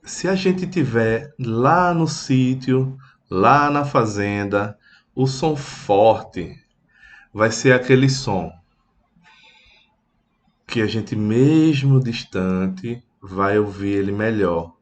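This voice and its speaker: A Brazilian man teaching a children's music lesson, patient and simple, mooing like a cow and strumming a guitar to show sounds. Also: lowish voice. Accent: Brazilian Portuguese. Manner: slow, patient, with animal sound imitations; plays guitar while explaining.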